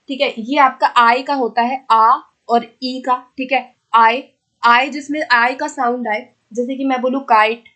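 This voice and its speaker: Young woman teacher, hindi accent, high voice, explains step by step, keeps saying ok. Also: a bit bright. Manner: explanatory, repeats "theek hai" to check in; slows down to read questions aloud. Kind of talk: exam-prep lesson.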